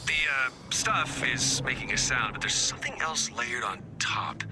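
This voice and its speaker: A lightly acted performance has a man voicing a wry male field agent who heads the mission in a casual, joking style for a video game. His voice is medium-pitched and moderately paced, heard over music in game audio with background noise.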